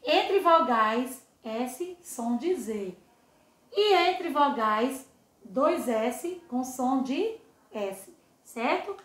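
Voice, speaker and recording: A woman teaching a remote lesson to young children, slow and repetitive, often checking they follow, and affectionate with her pupils. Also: high voice, expressive, fairly bright tone, roomy sound. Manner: slow, drawn-out, repeats words and asks "tá vendo?". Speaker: primary school teacher.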